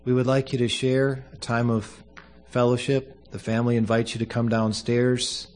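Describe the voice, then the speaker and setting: A man speaking as a pastor at a funeral service, giving a solemn, earnest prayer in measured short phrases. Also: mid-range voice, flat delivery, darkish tone.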